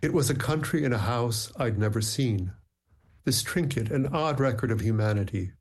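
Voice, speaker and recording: A poet appearing as an interview guest talks in a measured, reflective way, with many ums in conversation. His medium-pitched voice is expressive and husky, and he reads his poetry slowly and deliberately.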